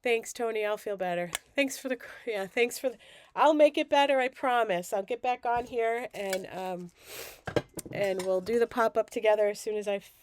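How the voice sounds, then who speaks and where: A woman's voice: mid-range voice, normal speed, noisy background. A woman hosting a casual crafting livestream while groggy and sick with a cold, chatty and rambling. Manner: rambling, chatty, self-deprecating.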